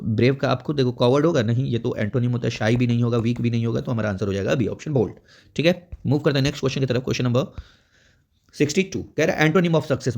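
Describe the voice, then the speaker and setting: Gravelly male teacher. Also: medium pitch, darkish tone. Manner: explains step by step with frequent "theek hai" check-ins. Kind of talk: exam prep lesson.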